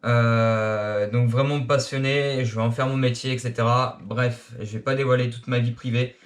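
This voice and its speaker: A man's voice: mid-range voice, fairly even intonation, moderate pace. A young man from France in his late teens, introducing his RC hobby channel in a casual, hesitant way with many filler sounds, recorded on an action camera. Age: young adult. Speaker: RC hobby YouTuber.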